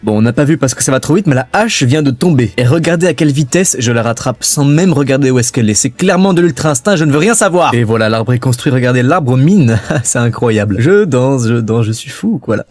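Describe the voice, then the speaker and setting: A man's voice: mid-range voice, fairly quick, no echo, faint music behind. Playful young man unboxing toys. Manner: playful, mock-excited. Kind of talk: playful toy unboxing narration.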